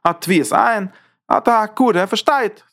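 A man teaching a Torah class in a lively lecture style, talking with sudden leaps in pitch. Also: a little slow.

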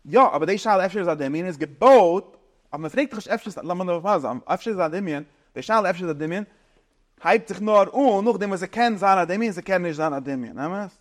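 A man with a fairly high-pitched voice gives an informal philosophy lesson. He talks haltingly, restarting phrases as he searches for words, and slips English terms into his speech. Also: animated. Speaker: teacher.

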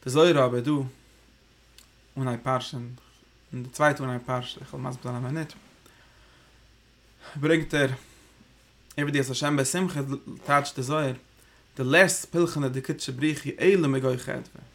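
Gravelly-voiced man teaching Torah in Yiddish. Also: mid-range voice, fairly even intonation, moderate pace, pauses often, a bit bright. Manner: rambling, thinking aloud, Hebrew terms woven in. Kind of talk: Yiddish Torah class on the Zohar.

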